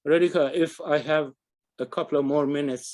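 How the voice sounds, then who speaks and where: A man's voice: a little high, steady tone, fast talker, darkish tone. An older man from Iran, giving an earnest webinar talk as a panel speaker and recounting a memory, often restarting his phrases. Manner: earnest, with frequent restarts and fillers.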